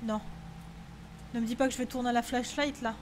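Scared woman playing a horror game, high voice, swears then says sorry, noisy background. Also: steady tone, a little fast. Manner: jumpy, swearing then apologizing. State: frightened, tense. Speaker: gaming streamer. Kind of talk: horror game let's play.

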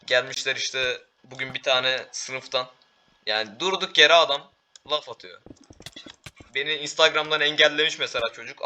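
Excitable teen gamer, bright voice. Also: male voice, medium pitch. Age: teens. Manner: excitable, talks to teammates and viewers, frequent exclamations. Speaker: gaming YouTuber. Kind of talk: live gameplay commentary.

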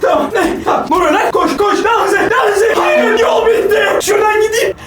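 A young man reacts out loud in a very high voice, yelping and shouting in panic as he comments. His voice rings in a roomy, echoing space, and loud music plays underneath. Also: fairly quick, over a noisy crowd. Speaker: YouTuber host.

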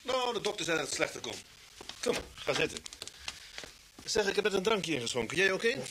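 An actor playing a steady police inspector who narrates, terse and firm, in an old radio drama. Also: male voice, high voice, a little fast, noisy background. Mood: friendly. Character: steady male police inspector, worried family man. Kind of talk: 1970s Dutch radio drama acting.

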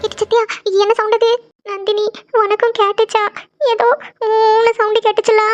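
Woman doing cartoon sisters, really high squeaky voice, whiny and bossy, muffled lo-fi sound. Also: little pitch movement, normal speed, soft background music. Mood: scared. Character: scared young girls and a scolding older sister. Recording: dull lo-fi sound.

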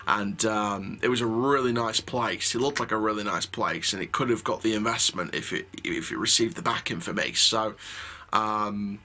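A man's voice: lowish voice, normal speed, sharp tone. A young man hosting a theme park channel, reading a news update and then giving his opinions in a chatty way, with many ums and restarts. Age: young adult.

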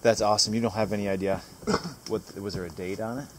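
Walking through a forest, a metal detecting channel host in his thirties eagerly describes his finds in a relaxed outdoor vlog. His voice is lowish and fairly quick, with fairly even intonation. The recording is very noisy.

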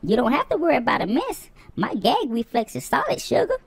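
A woman's voice: sits high, huge pitch swings, fairly quick, slightly rough, no room sound, full character voice. A woman voicing a savage, foul-mouthed old grandma in a teasing, crude comedic game role-play. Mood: bawdy teasing. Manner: grandma voice, teasing, crude, calls people sugar.

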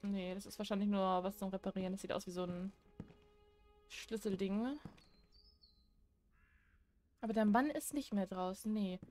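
A woman's voice: mid-range voice, steady tone, normal speed, pauses often, dark tone, faint music behind. A young woman chatting casually while she plays a horror game, joking and talking back to what happens on screen. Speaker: let's play gamer.

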